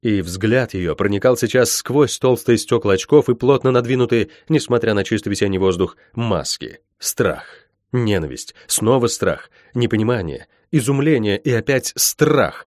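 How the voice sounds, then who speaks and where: A man reading an audiobook aloud in expressive, dramatic scripted narration. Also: on the low side, moderate pace, no echo, clean studio sound. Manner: dramatic, varied delivery. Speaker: audiobook reader.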